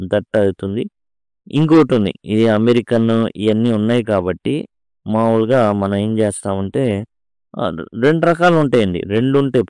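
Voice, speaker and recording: A man's voice: fairly low pitch, darkish tone, clean tone, dry recording. A man teaching English phonetic transcription to students, patiently repeating each word as he writes it out.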